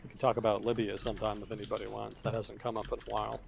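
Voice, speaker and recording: A man co-hosting a casual livestream, explaining world affairs in a measured way with fillers and self-corrections. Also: on the low side, flat delivery, vocal fry, slight background noise. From United States.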